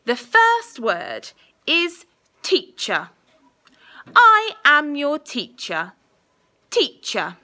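A young woman, a primary school teacher, giving a school dictation for a spelling test with deliberate enunciation, repeating each word. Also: sits high, wildly swooping pitch, bright, forceful tone. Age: young adult. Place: small indoor classroom. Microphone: phone at arm's length.

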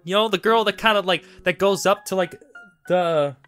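A man in his twenties hosting a casual chat, animated and giggly, acting out little quotes as he talks. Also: high-pitched, normal speed, smooth, faint music behind. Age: 20s. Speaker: podcast host.

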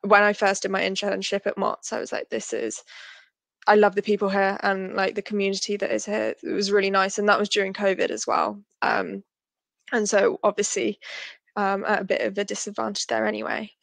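A woman's voice: medium pitch, completely flat delivery, fairly quick, vocal fry, no room sound. A young woman in her twenties, a graduate engineer giving chatty advice to students over a video call, with many ums and likes.

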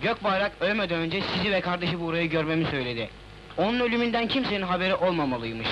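An anxious messenger with grave news in an old historical drama. His voice is high, on a dull and noisy old soundtrack. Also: animated, fast talker, fairly bright tone. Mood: urgent. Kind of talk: old Turkish historical film acting.

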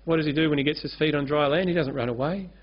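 Speaking rapid-fire in a slightly high voice, a male pastor preaches earnestly at a lectern on a curtained church stage, gesturing freely. The lectern-mounted mic yields a dull, lo-fi sermon recording.

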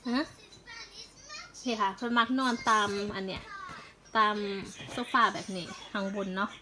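A woman's voice: mid-range voice, measured pace, bright, forceful tone, slight background noise, poor audio. A woman with an Isan Thai accent chatting in a casual home vlog, explaining plant care step by step. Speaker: vlogger.

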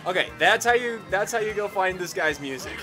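Guy streaming a racing game, lively up and down voice, a bit high, game music going behind. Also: brisk. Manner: excitable, yells and laughs at game moments. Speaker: streamer host. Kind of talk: casual chat while gaming. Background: background game music.

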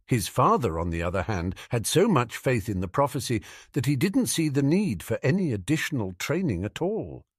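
A man narrating a fan-fiction audiobook with expressive storytelling. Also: mid-range voice, moderate pace, few pauses, husky, dry recording, studio quality.

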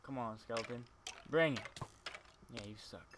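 A let's play gamer with a mid-range voice chats casually at normal speed while playing a block-building game, teasing his friends and swearing freely. Background noise is audible.

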